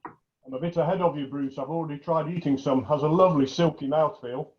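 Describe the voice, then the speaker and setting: A man's voice: fairly high pitch, steady tone, fairly quick, highs cut off. A man judging cheese, chatty and knowledgeable, with a joke now and then, in a casual tasting commentary. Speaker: cheese judge.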